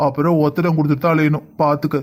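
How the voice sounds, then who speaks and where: A man voicing family-drama cartoon characters with a quick, scolding delivery. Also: on the high side, little pitch movement, darkish tone. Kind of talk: Tamil cartoon voice acting.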